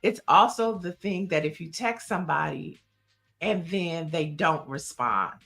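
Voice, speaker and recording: Bright-voiced woman co-hosting a chat show. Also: fairly low pitch, a little slow, creaky, faint music behind. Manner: animated, talkative, laughs often. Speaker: co-host. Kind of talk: casual chat.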